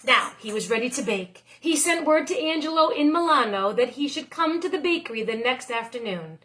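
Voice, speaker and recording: Reading a picture book to her listeners, this teacher stretches out her phrases deliberately and narrates with lots of expression. Her voice sits high.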